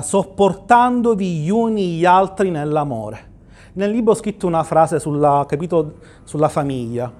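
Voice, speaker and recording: A pastor preaching a livestreamed sermon in church, asking rhetorical questions and quoting scripture. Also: male voice, high voice, darkish tone.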